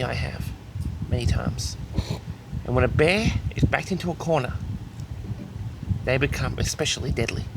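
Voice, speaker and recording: Against a noisy background, a man hosting a comedic audio log delivers a mock-serious, grandiose monologue. He speaks at medium pitch and keeps addressing his audience with self-important certainty.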